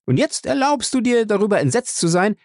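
A man voicing a hot-headed young man who shouts in a high, furious voice, reading an audiobook. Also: expressive, no echo, studio quality. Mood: defiant. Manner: shouting, furious, rapid outbursts.

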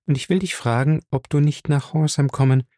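A man's voice: fairly high pitch, fairly quick, dark tone, no echo, studio quality, voice pushed up, close to an everyday voice. Ella, a weary pleading sister, read by a man. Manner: apathetic, tired pleading.

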